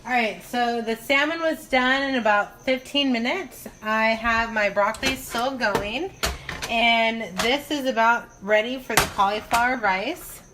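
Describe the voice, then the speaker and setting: A woman's voice: fairly high pitch, a little slow, pushed and bright. Woman narrating home cooking over noisy sizzle. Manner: informal, step-by-step explaining. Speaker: home cook presenting a recipe. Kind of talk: casual cooking vlog narration. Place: home kitchen. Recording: noisy kitchen with frying sizzle. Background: food frying and sizzling.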